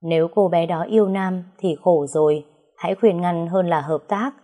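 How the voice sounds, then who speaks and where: A woman voicing a calm, knowing young husband who speaks seriously and steadily. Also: fairly low pitch, moderate pace, close to an everyday voice.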